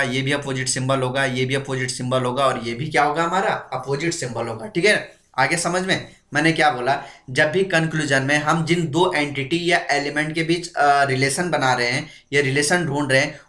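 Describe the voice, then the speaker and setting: Male exam-coaching teacher, bright and slightly high voice, repetitive question-and-answer delivery. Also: echoey room. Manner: asks rhetorical questions and answers them himself; repeats key points often. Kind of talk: exam-prep lesson.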